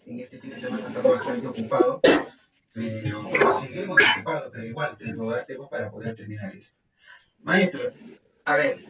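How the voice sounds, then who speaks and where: A man's voice: mid-range voice, a bit bright. Man teaching a workshop in a roomy hall. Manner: explains step by step, frequent tag questions, reads criteria aloud. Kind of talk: live online workshop instruction. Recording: roomy, distant, dull sound with faint music.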